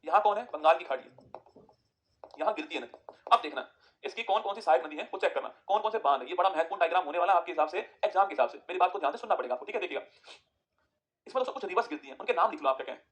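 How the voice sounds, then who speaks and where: A man teaching an exam-prep geography lesson, firing quick questions at students and answering them himself. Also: high-pitched, animated, a bit bright.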